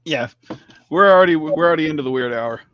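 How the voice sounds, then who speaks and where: A man's voice: a little high, fast talker, noisy background. A man chatting casually, teasing the others dryly and often restarting his sentences. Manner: dry teasing, stumbling restarts. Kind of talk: casual chat. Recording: dull lo-fi sound.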